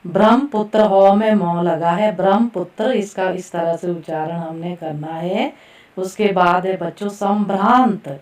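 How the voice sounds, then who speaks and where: A woman teacher leading a slow Hindi pronunciation lesson, carefully repeating each word for students to echo. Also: on the low side, darkish tone. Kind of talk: classroom lesson, pronunciation drill. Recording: echoey room, voice from far off the mic.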